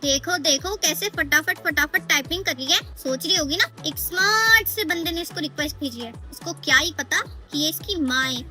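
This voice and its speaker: A woman's voice: high voice, moderate pace, hardly any pauses, sharp tone, soft background music. A woman performing a scripted comedy sketch, muttering scheming asides and giving bossy instructions.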